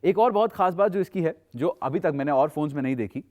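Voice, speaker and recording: A man's voice: on the high side, expressive, fast, a little mellow. A man presenting a product demonstration as a persuasive teleshopping salesman, talking off the cuff and slipping in English phrases. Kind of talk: unscripted product demonstration pitch.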